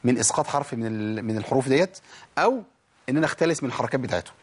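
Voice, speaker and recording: A man with an Egyptian Arabic accent teaching Quran pronunciation. He asks himself rhetorical questions and demonstrates sounds slowly, repeating them over and over. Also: mid-range voice, expressive, breathy edge. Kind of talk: tajweed lesson.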